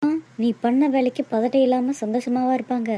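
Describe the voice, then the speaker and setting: Actress as an angry, hurt mother, mellow dark voice, scolding and bitter. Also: high voice, little pitch movement, a little fast, dull audio.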